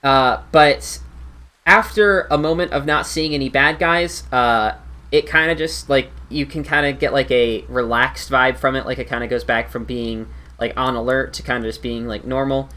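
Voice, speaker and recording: A man's voice: mid-range voice, normal speed, pushed and bright. Guy running a tabletop game, lots of ums and likes, rambly. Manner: rambling, many fillers. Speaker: game master.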